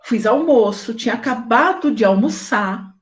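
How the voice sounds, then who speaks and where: Animated Brazilian woman host. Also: a little high, unhurried. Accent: Brazilian Portuguese. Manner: animated storytelling, acting out quoted dialogue; married woman recounting daily life. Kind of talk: casual talk to an audience.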